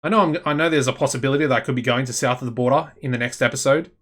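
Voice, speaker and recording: An Australian man chatting casually as he plays a management game, thinking aloud and getting excitable. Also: mid-range voice, racing. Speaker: gaming channel host.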